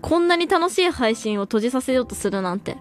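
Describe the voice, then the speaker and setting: A young woman chats away on a livestream in a high, bouncy voice that swoops up and down as she answers viewer comments. She talks in casual slang and breaks into laughter often. Faint music plays quietly behind her. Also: expressive, fast. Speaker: VTuber streamer.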